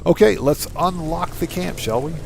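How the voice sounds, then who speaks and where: Thinking aloud step by step while playing, this male streamer chats with viewers and hosts casual live game commentary. He speaks at normal speed in a voice on the high side with vocal fry, and there's a little hiss or hum in the audio.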